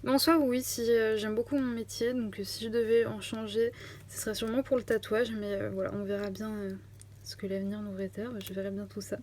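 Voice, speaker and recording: A woman's voice: medium pitch, fairly even intonation, a little fast, a little mellow. A young woman vlogger answering viewer questions in a casual chat, hesitant and chatty with lots of fillers. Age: young adult.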